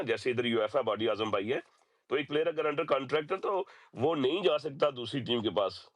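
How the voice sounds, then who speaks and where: A man's voice: medium pitch, no echo. A man with a sore throat debating cricket in a casual audio chat, mixing in English phrases and lecturing a little. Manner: mixes English phrases into his talk, lecturing tone. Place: lives in Europe.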